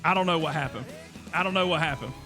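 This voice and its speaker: Upbeat male podcast host, high bright voice. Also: fast, soft background music. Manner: energetic, reads chat aloud. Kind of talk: casual livestream chat.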